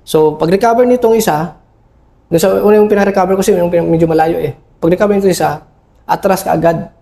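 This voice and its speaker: A middle-aged man, an army officer, recounting a battle in an interview, halting and full of fillers, respectfully calling his listener sir. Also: high-pitched, vocal fry, warm tone. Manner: respectful toward a senior officer. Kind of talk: interview recollection.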